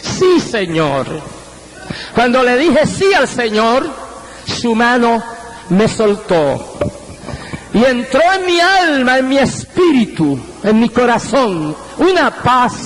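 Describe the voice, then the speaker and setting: High-voiced man preaching a slow sermon. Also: slight background noise, low-quality recording. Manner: fervent storytelling with exclamations of praise. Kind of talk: sermon testimony. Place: convention hall.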